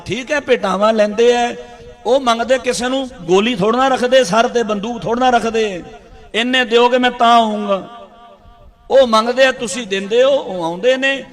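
A man's voice: sits high, fairly bright tone. A man giving an impassioned religious speech, fervent and repetitive, rising to emphatic peaks. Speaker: Sikh preacher.

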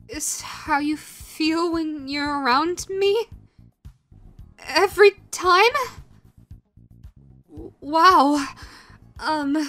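In a romantic comedy audio roleplay, a woman plays an awkward, self-deprecating young meme lover who is flustered by love. Her voice sits high and a bit bright, and she speaks haltingly and nervously, sounding flustered and smitten.

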